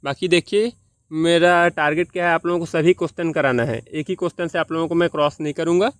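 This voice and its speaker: A male tutor with a somewhat high, smooth voice works through quiz answers for exam students. He asks each key point as a question and answers it himself, slowing down to sound things out one by one. The sound is close and dry. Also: fairly even intonation, dry recording. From Chhattisgarh, India. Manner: slow and deliberate, spelling out sounds one by one. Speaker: exam-prep teacher.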